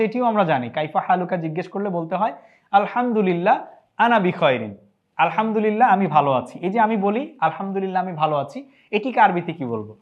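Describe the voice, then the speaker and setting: A man teaching phrases in an online lesson, patient and repeating each phrase slowly and clearly. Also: high voice, lo-fi sound. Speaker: language teacher.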